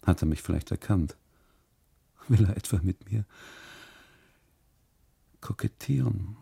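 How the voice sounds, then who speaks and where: An actor playing a brooding, weary husband on an unhappy holiday, narrating his thoughts slowly and inwardly in a radio drama monologue. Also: animated, dark tone, no echo, full character voice. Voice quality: gravelly, husky low voice. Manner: slow, inward, musing delivery.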